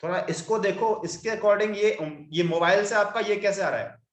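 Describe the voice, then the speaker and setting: A man teaching an online class, guiding his students patiently and calling them "beta". His voice sits high and rings in an echoey room. He spells out letters one at a time as he explains. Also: moderate pace.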